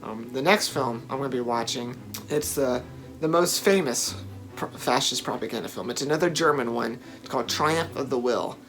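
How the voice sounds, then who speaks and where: At a normal pace, a man with a medium-pitched, fairly bright voice reviews films in a casual spoken vlog, with soft background music and a rough recording. He's informal and emphatic, repeating words to stress them.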